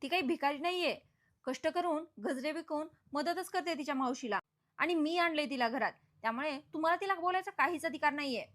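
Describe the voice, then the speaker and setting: A woman's voice: sits high, a little fast, a bit bright. A woman voicing a young wife who firmly and indignantly defends a little girl. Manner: firm, indignant.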